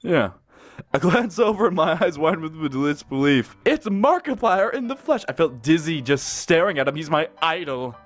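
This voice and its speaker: A man reading fan fiction aloud, breaking off often with excited, gushing reactions and laughter. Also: a little high, moderate pace.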